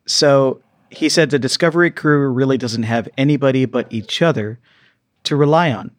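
A man's voice: mid-range voice, normal speed, no echo. Dry-sounding man hosting a casual podcast. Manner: joking, leads the segments. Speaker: podcast host. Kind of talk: casual chat. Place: studio, live stream.

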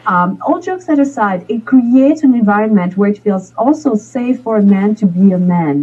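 A woman coach answering as an interview guest, speaking frankly and explicitly as she calmly explains her advice over a remote call. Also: mid-range voice, slightly rough. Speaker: sex and relationship coach, guest. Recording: distant, muffled call audio.

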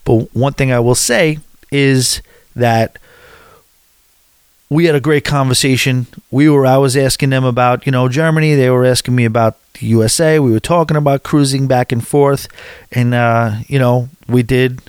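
A man's voice: mid-range voice, steady tone, normal speed, darkish tone, clear, resonant tone, no echo, clean studio sound. An American man casually recapping his trip in a rambling, chatty way, with frequent restarts. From USA. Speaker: cruise vlogger.

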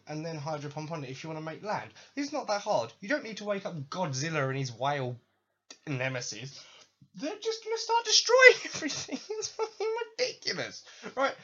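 A man rants his way through a comedy podcast, swearing often and sounding sarcastic and fed up. His voice is bright and a little husky, with pitch swooping widely, recorded on a dull lo-fi mic. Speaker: podcast host. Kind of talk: comedic rant.

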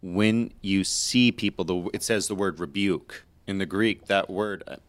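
Give me a deep-voiced man leading a Bible talk. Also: measured pace. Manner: emphatic, preacherly build-ups. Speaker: host leading a discussion.

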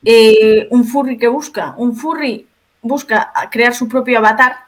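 Woman, Spain Spanish accent, fairly high voice, methodical explainer, podcast guest. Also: fairly even intonation, a little slow. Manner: explanatory, methodical, lays out points. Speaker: guest, video creator. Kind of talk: podcast conversation.

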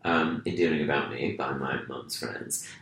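A man's voice: very deep voice, moderate pace, fairly bright tone. A young man from England, chatting as a guest and telling stories in a chatty, self-mocking way. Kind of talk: casual chat. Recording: roomy echo.

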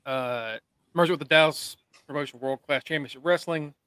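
Guy co-hosting a podcast, casual chat, clear bright voice, dry close sound. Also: fairly high pitch, moderate pace, dry recording. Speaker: podcast co-host.

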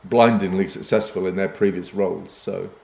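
A man's voice: deep voice, fairly even intonation, normal speed, gravelly, warm tone, reverberant. An older man grew up in East Africa and speaks as a podcast guest, self-deprecating and often restarting his sentences. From Uganda and Kenya. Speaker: podcast guest, advertising executive. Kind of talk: conversational interview.

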